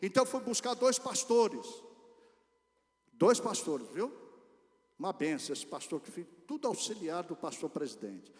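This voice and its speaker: A man from Brazil with a Brazilian accent, preaching a storytelling sermon and speaking directly to the congregation in an animated way. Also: high-pitched, moderate pace. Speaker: pastor. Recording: reverberant church hall.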